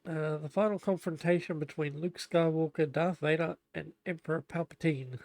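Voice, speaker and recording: Gravelly young man chatting on a live build. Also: a little high, steady tone, normal speed, darkish tone, no room sound. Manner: chatty, self-deprecating, stumbles over reading. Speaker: livestreamer building a Lego set. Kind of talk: casual live-stream chat, reading the manual aloud.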